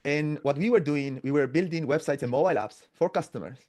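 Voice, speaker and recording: Chatty yet halting, this male podcast guest from Latin America keeps restarting his sentences and tacking "no?" or "right?" onto them as he tells stories in a relaxed interview. A native Spanish speaker in his forties, he has a somewhat high, slightly mellow voice.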